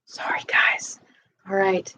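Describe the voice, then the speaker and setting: A woman's voice: takes it slowly, pushed and bright, no room sound, in a whisper, rough recording. A woman in her thirties resting at home, casually chatting on a livestream and reading viewer comments aloud. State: recovering, resting in bed. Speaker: livestream co-host.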